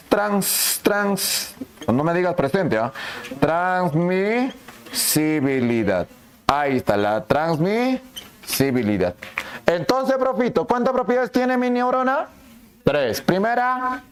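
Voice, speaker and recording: Male anatomy prof, lively lecture, slightly high voice with big pitch swings, plays both teacher and student. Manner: asks and answers his own questions, plays the students' lines too.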